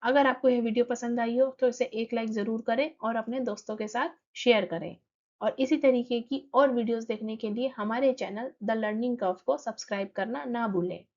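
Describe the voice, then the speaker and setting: A woman teacher talks through a children's lesson at an unhurried, patient pace. She reads verse lines slowly and then explains them plainly. Her voice sits at a middle pitch and comes through a slightly dull, muffled recording. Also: steady tone, darkish tone.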